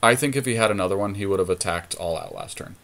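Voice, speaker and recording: A podcast co-host plays a card game and thinks out loud, chatting casually, analyzing each play, and swearing freely. He talks fast in a deep, creaky voice that's a bit bright.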